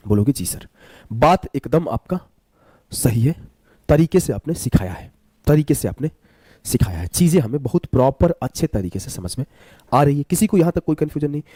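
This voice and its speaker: A man who is unwell teaches a live online maths class, speaking slowly, repeating key terms, and posing questions he then answers himself. His voice is a little high and warm, with no echo.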